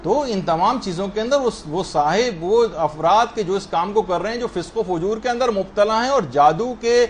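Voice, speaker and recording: High-voiced man giving a religious lesson. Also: animated, hardly any pauses, slight background noise. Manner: earnest, explanatory, demonstrates pronunciation. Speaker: religious teacher. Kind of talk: lecture on prayer to a female audience.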